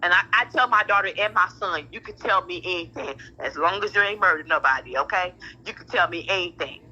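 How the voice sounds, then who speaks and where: Brisk and sharp, a fairly low-pitched middle-aged woman, a parent on a casual but heated phone call, repeats herself emphatically and curses bluntly. The sound is muffled, like a telephone line.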